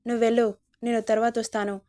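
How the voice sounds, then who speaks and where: A woman's voice: fairly high pitch, little pitch movement, fast, mellow, close to an everyday voice. A woman voicing an angry, brooding young man in a storybook, speaking curtly and sternly.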